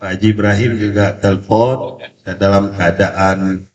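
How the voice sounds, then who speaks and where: A male preacher with a cold giving a religious lecture with a story, speaking slowly and deliberately, heard through a distant, echoey, dull PA sound. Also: on the low side, level tone. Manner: slow, deliberate delivery. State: has a cold. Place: community religious event.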